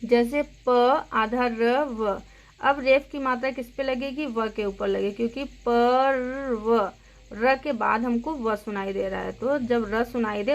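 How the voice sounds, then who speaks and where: A woman teaching young children a grammar lesson, speaking patiently and spelling out words sound by sound. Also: a little high. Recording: dull lo-fi sound.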